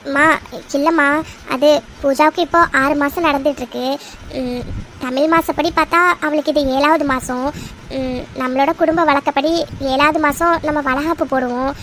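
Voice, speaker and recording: A woman's voice: sits high, steady tone, fairly bright tone, a little hiss or hum. A woman voicing a tearful cartoon mother-in-law. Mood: hesitant. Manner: hesitant, halting, tearful. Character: remorseful middle-aged mother-in-law, emotional and hesitant. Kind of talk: cartoon voice acting.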